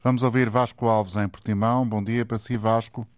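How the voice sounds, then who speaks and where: A male host with a European Portuguese accent moderates a call-in show. He speaks in a measured, polite way and corrects callers. His voice sits fairly low and sounds dry and close. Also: fairly even intonation, dry recording. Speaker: radio host.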